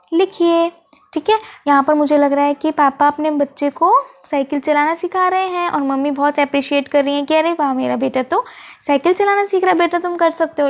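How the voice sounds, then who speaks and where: A woman teacher walking children through a worksheet, patiently asking questions and answering them herself, and sounding out sample words slowly and carefully. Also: high voice. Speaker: school teacher. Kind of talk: online worksheet lesson for children.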